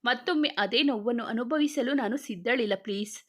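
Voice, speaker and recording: A woman's voice: a little high, a little fast, lightly acted. A woman reading the lines of a hurt young wife who pleads through tears in a storybook. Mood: pleading.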